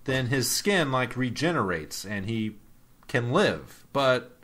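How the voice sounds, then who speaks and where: A man's voice: mid-range voice, very animated, takes it slowly, fairly bright tone. A man co-hosting a podcast, chatting casually about a horror film and laughing often. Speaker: podcast co-host. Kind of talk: casual film review chat.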